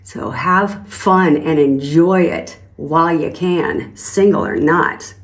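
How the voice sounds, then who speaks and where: A woman's voice: sits low, slow pace. A woman in her fifties talking upbeat to camera, turning bossy and scolding. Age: 50s. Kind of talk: motivational talk to camera.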